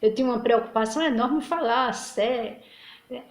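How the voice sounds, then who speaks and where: A woman's voice: on the high side, moderate pace. Chatty woman teacher in an echoey room. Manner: chatty, repeats words and restarts often. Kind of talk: casual recorded lesson.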